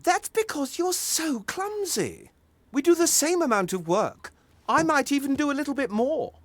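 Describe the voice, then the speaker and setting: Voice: high-pitched, big pitch swings, moderate pace, fairly bright tone, dry recording. An actor playing a lazy, grumpy male troll who complains in a huffy, whiny way. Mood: grumbling. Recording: game audio with faint music.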